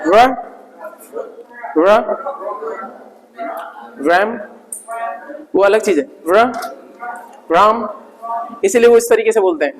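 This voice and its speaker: A man's voice: sits high, lively intonation, normal speed, pauses often, long reverb tail, poor audio. A man teaching a live English class, drilling letter sounds over and over in a playful, teasing way. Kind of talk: live online grammar class.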